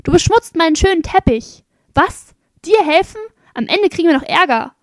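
Shrill, indignant townsfolk snap and scold in raised, loud voices, put on by a woman reading a storybook. They speak fast and sharp. The recording sits close and dry. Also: lively intonation, no echo. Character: hostile, scolding townsfolk turning a beggar away.

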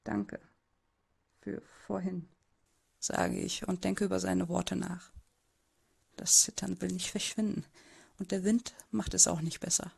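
A woman's voice: lowish voice, level tone, a little slow, vocal fry, long pauses, a little mellow, breathy edge, heavily acted. A woman voicing a timid, bullied teenage boy who narrates his own story in an amateur audio drama, in a hesitant, subdued way.

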